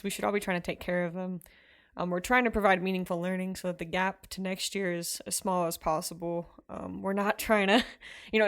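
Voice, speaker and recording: A woman's voice: mid-range voice, gravelly. A woman teacher co-hosting a podcast, chatting earnestly with lots of fillers. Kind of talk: casual chat.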